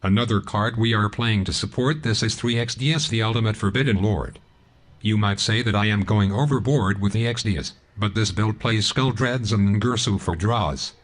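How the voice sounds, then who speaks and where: Low male text-to-speech robot voice. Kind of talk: scripted card game deck explanation.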